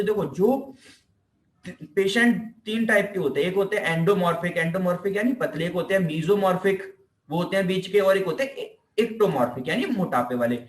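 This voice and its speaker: A physiotherapy lecturer, a man with an Indian accent and a high voice, teaches informally and emphatically, repeating key phrases, posing rhetorical questions and mixing in English technical terms. The room is echoey and he is recorded from a distance on a far-off microphone.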